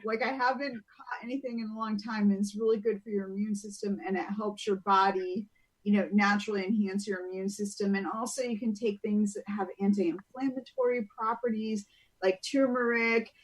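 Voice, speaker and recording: Female wellness guest, high, chatty, friendly explainer. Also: moderate pace. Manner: chatty, explanatory, laughs easily. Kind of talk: casual chat over a video call. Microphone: video call.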